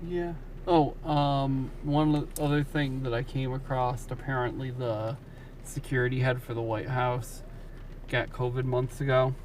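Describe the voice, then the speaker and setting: A man's voice: medium pitch, fairly even intonation, unhurried, darkish tone. A man in casual, sweary, grumbling conversation on a livestream. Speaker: livestream co-host. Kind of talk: casual chat. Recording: distant mic with background noise.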